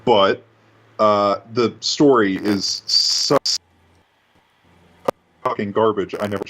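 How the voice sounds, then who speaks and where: A man in casual chat about video games over an online call, his voice pitched down a couple of semitones so it sounds unnaturally deep, swearing casually and laid-back. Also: steady tone, takes it slowly, fairly bright tone. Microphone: computer mic over an online voice call. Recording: dull lo-fi voice call audio.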